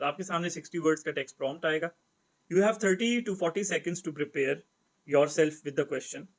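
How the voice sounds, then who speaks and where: Young male tutor, unhurried lecture delivery, poses questions then answers them, slightly high-pitched. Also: rough recording. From Pakistan. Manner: explains step by step, asks and answers his own questions. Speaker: test-prep instructor. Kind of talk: lecture mixing Hindi-Urdu and English.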